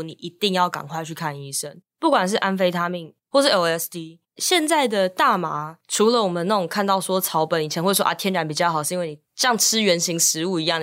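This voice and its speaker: A woman's voice: fairly low pitch, a bit bright. A woman with a Taiwanese Mandarin accent hosting a podcast as a lawyer, earnestly urging her listeners. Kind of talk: casual podcast interview.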